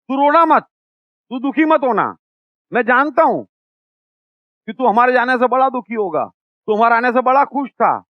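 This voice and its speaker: A man's voice: very high-pitched, animated, unhurried, long pauses, no echo, lo-fi sound. A man voicing a pompous, self-important male mosquito king in a spoken parable, talking in a grand, patronizing way.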